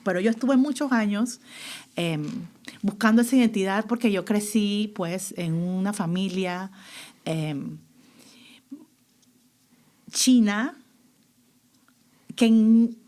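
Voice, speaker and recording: A woman, a guest artist talking reflectively and pausing often to find her words. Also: mid-range voice, darkish tone. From Panama. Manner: reflective, searching for words, many fillers. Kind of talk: casual conversation.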